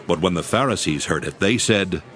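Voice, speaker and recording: A man's voice: low voice, expressive, fairly quick, fairly bright tone, some chatter behind. A man narrating scripture from a script as a formal storyteller in an audio dramatization.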